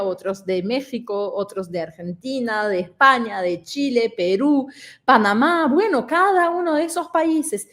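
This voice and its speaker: A woman teaching an online lesson, explaining conversationally and asking listeners questions, speaking a language she learned as an adult. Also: fairly high pitch. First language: not Spanish. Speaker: French pronunciation teacher.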